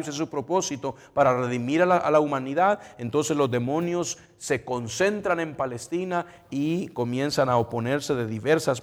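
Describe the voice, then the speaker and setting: Man preaching in a reverberant hall. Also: medium pitch. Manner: rising to loud emphatic reading of scripture, then dropping quiet. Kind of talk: sermon. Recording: long reverb of a large hall.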